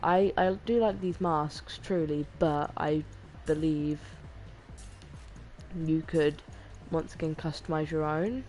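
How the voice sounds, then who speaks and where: A tired woman streaming a game, talking in a monotone and rambling with restarts and apologies. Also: sits low, slow pace, faint music behind. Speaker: gaming streamer. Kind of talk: casual gameplay commentary.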